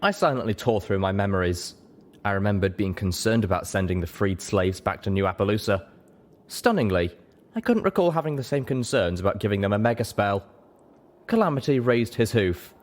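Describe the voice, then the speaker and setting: A man with a low voice reads a work of fiction in the first person, narrating in a dramatic, audiobook-style manner. His delivery is animated, at a normal speed.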